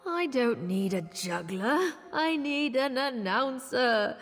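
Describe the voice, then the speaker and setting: Here a high-pitched, expressive, fairly bright full character voice plays a boastful, tipsy, flirty elf circus performer from a video game. The actress teases in a slow, languid, playful way, with slight hall reverb and game music in the recording.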